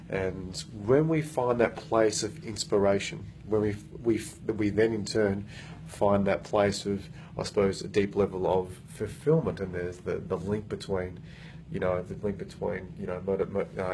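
A coach in his thirties records a casual vlog on a phone held at arm's length in an office meeting room, speaking earnestly with lots of fillers and restarts. His voice is low-pitched and darkish, and the rough recording has slight background noise.

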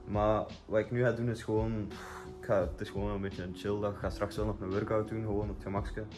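A man's voice: lowish voice, flat delivery, quick pace, over music. A young man with a Flemish accent chatting casually to his vlog in a laid-back, slangy way, sprinkling in English words, recorded on a phone at arm's length. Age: young adult. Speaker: vlogger. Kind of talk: casual daily vlog chat.

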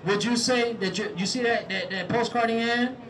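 A man preaching on the street to passersby, talking outdoors, repeating "all right?" and "man" and rising to shouted exhortation. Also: very high voice, brisk, noisy background.

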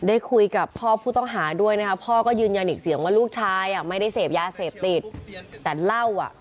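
A woman field reporter telling a news story in a chatty, animated way. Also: medium pitch, quick pace, slight background noise.

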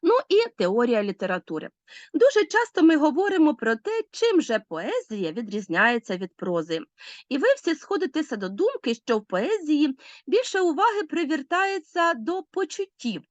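Lively Ukrainian woman teaching a class. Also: high-pitched, normal speed, dry recording. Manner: explains step by step, addresses pupils directly. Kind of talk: literature lesson.

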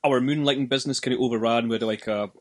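A man's voice: mid-range voice, fairly even intonation, fast, very echoey. A man co-hosting a casual gaming chat, laid-back and cracking crude jokes. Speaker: co-host.

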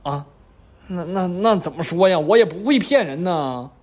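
Woman playing a cheeky, bumbling boyfriend, lively pitch. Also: moderate pace. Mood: flustered. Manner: bumbling, stammering, giggly. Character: cheeky, eager young childhood friend playing fake boyfriend. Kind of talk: casual comedy skit.

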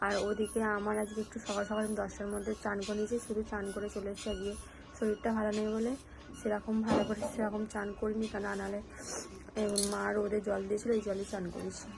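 A young woman with a cold and a sore throat, chatting softly to her viewers at home as a family vlogger. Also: mid-range voice, completely flat delivery, fast, creaky, loud music behind the voice. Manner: soft-spoken, talking quietly while her baby sleeps. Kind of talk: casual chat to viewers. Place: at home indoors. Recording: noisy home recording.

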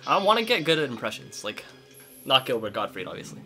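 Man, let's play co-host, bright and easy voice, jokey rambling chat, quiet game music behind. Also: medium pitch, big pitch swings, quick pace. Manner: jokey, chatty, rambling with many "like"s. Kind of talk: casual gameplay chat.

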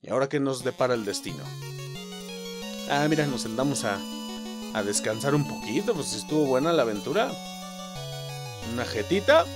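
A man with a Mexican Spanish accent giving excitable, joking let's-play commentary and swearing often. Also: medium pitch, moderate pace, pauses often. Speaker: gaming YouTuber. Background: game music.

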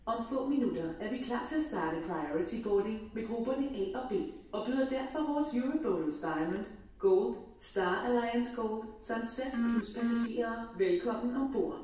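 Woman, airport boarding announcement, gate agent, slightly high voice, heavy echo. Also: expressive, normal speed, hardly any pauses, a little mellow, slight background noise. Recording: echoey airport PA, far from mic.

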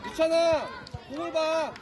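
A man yelling players' names and brief orders from the sidelines of a football match. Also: extremely high pitch, measured pace. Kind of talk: shouted calls to players during a match. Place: outdoor football field sideline. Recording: distant calls amid loud outdoor crowd noise. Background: loud crowd and field noise.

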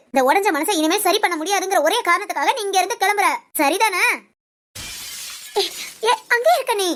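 A woman's voice: very high-pitched, fairly bright tone. A woman voicing a coaxing older woman friend. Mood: probing. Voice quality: coaxing, insistent. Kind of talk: audio story role-play.

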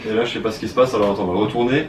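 A man's voice: lowish voice, racing, slight background noise. Chatty young French man unboxing. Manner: chatty, excited, talks to viewers. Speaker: YouTuber. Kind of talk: casual unboxing commentary.

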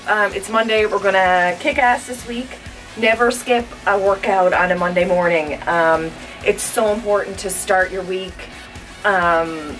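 A woman's voice: medium pitch, far from the mic, poor audio. A woman in her thirties, a fitness vlogger and trainer, chatting casually to the camera in her bedroom with lots of "um" fillers. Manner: chatty, frequent "um" fillers, upbeat. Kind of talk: casual vlog chat to camera. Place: bedroom with a walk-in closet, indoors.

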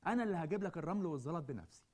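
Man as a clueless neighbor, Egyptian accent, rapid, high-pitched. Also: expressive, darkish tone, slightly rough. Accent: Egyptian Arabic. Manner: rapid, chatty, misunderstanding. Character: oblivious neighbor who misunderstands everything. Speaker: comedy sketch character.

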